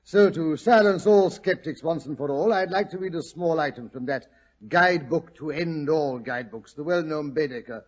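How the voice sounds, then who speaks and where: An actor playing a genial, chatty older English doctor, telling stories in a fussy, hemming, old-fashioned 1940s radio manner. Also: male voice, fairly high pitch, normal speed, lightly acted. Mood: fussy, amused. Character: genial, chatty old English doctor reminiscing about his detective friend. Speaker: storyteller. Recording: dull vintage 1940s radio recording.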